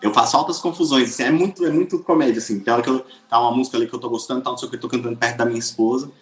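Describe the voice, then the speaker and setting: A man with a Brazilian Portuguese accent, an interview guest telling stories casually with lively hesitations. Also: medium pitch, racing. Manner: chatty, lively, with frequent hesitations. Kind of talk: casual storytelling. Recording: roomy echoey room.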